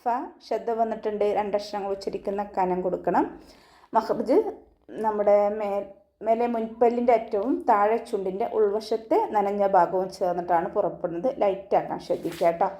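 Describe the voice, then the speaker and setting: A woman's voice: mid-range voice, fairly even intonation, warm tone. A woman teaching Quran recitation rules step by step in a patient, instructive way. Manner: patient step-by-step instruction, ends lines with "kettō"; slow drawn-out chanted recitation of verses. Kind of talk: tajweed lesson, explaining and reciting.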